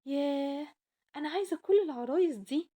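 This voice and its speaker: A woman with an Egyptian accent voicing an eager, wishful little girl in a children's story, pleading and excitable. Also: high voice, quick pace, breathy edge, pitched above the performer's own voice. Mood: thrilled.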